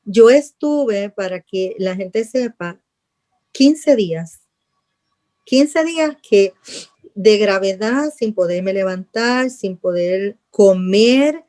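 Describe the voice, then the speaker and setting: A middle-aged woman tells her story in an interview. Her voice is mellow and warm at a middle pitch. She speaks earnestly, repeating phrases and sinking to a soft voice when she recalls praying. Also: expressive, takes it slowly. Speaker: interviewee telling her illness testimony. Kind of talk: emotional personal testimony.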